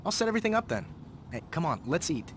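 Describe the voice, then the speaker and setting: An actor playing a brash, familiar young heir with a resentful streak, in a game cutscene. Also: male voice, on the high side, sing-song, quick pace, slight background noise. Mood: friendly. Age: young adult. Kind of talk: scripted game cutscene dialogue.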